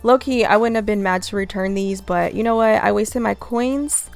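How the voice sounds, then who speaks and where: A woman's voice: mid-range voice, moderate pace, creaky. A young woman chatting casually in a gym vlog, upbeat and talking straight to her viewers, a little out of breath after her workout. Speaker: fitness vlogger. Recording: faint music behind.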